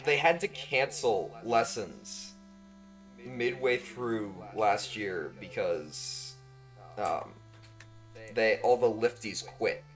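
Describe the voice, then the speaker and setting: A man's voice: on the low side, slow pace, soft background music. A young man from Germany, a podcast co-host, chatting casually with hesitant, rambling speech and lots of fillers. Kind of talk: casual chat.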